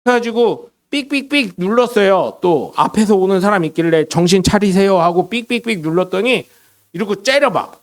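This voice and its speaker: A middle-aged man preaching a sermon in a church, telling stories with lively swings between loud bursts and quiet asides. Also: high voice, normal speed. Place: church sanctuary.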